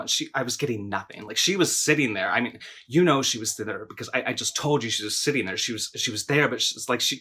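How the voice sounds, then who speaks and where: A theatrical, bitter young man in a mockumentary confessional, stumbling over his words and doubling back on every phrase. His voice is bright and forceful, set at a middling pitch for a man. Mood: wry, aggrieved. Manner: halting, stammering, repeats words. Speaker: interview subject in a mockumentary.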